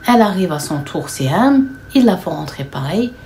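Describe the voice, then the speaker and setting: A woman's voice: on the low side, moderate pace, a little hiss or hum. Young woman narrating a storytime. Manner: lively, conversational retelling with slang fillers.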